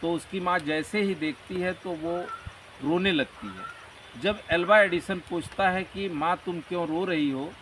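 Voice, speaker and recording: Man, higher-pitched, earnest motivational talker, recorded a bit off-mic with faint hiss. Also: unhurried, fairly bright tone. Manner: earnest, motivational, rambling explanations. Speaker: interview guest. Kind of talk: conversational interview. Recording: distant mic with faint background noise.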